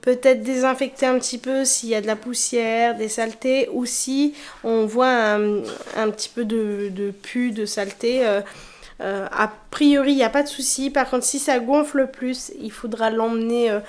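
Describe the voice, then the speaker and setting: High voiced woman doing a chatty family vlog, rambles a bit and repeats words. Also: steady tone, moderate pace, a little mellow. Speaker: family vlogger. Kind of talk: casual chatty vlog talk to viewers.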